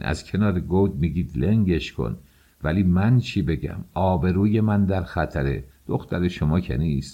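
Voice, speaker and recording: A man's voice: low-pitched, dark tone, slightly rough, highs cut off, heavily acted. A man reading an audiobook, voicing an enraged middle-aged father who defends his family's honor in indignant outbursts. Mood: bitter. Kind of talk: audiobook character voice.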